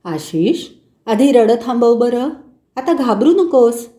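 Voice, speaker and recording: A woman playing a caring mother who lectures her son calmly and gently. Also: on the high side, slow pace. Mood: gentle. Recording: roomy echo.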